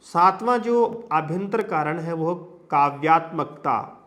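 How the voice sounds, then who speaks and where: Slow, measured male lecturer. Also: a little high, animated, a bit bright. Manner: explanatory, lists many examples, frequent tag questions. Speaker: teacher. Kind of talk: lecture on phonetics.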